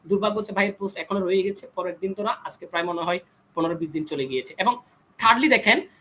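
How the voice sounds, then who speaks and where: An engineering student in his young adult years argues hard as a panel guest, his high voice fast, bright and forceful. He refuses to be cut off during the heated debate, and the low-quality recording picks up a faint hiss or hum.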